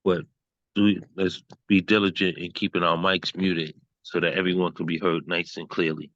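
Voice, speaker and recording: A man hosting an online open mic, relaxed and hesitant with frequent ums, over a video call. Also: low voice, moderate pace, no room sound. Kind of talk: casual hosting. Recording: dull dry video call audio.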